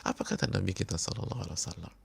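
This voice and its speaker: A man preaching a sermon to a congregation, speaking emphatically and repeating key words, often dropping to hushed tones. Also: low-pitched, rapid-fire, gravelly, slight background noise. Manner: addresses the congregation directly. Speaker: Islamic preacher.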